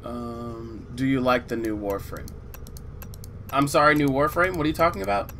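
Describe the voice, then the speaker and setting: Streaming a video game, a laid-back man chats and rambles to his viewers through a desk mic, greeting them and reading their chat. His ordinary-pitched voice is growing weak, his pace is moderate, and faint noise hangs in the background.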